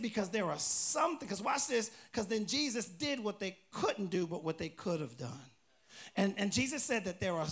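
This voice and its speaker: A male pastor with a high, gravelly voice preaches in a church. He reads scripture aloud in loud rising bursts and keeps prompting his congregation to answer. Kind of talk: call-and-response sermon.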